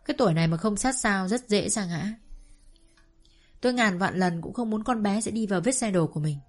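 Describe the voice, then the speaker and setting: Woman narrating a story over soft music. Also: mid-range voice. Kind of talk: first-person story narration.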